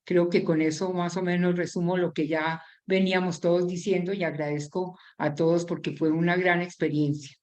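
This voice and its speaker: A woman's voice: on the low side, little pitch movement, moderate pace, few pauses, darkish tone. A woman, a physician on a panel laying out her points in order. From Colombia. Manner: organized, lists points clearly. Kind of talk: panel discussion.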